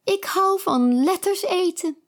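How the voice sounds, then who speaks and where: A woman's voice: extremely high pitch, expressive, slow pace, pitched above the performer's own voice, exaggerated voice. A woman voicing an odd princess who eats letter cookies, blunt and haughty. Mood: teasing.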